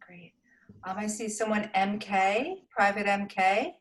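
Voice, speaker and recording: A woman's voice: medium pitch, unhurried. A woman hosting a parents' video call, giving brief, upbeat acknowledgements as she calls on each person. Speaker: meeting host.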